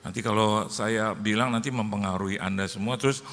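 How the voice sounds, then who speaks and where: A male pastor preaching, lively, telling comic stories and acting out dialogue in changing voices. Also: fairly low pitch, brisk. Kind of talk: sermon with comic storytelling. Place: large church hall. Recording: church hall reverb, faint ambience.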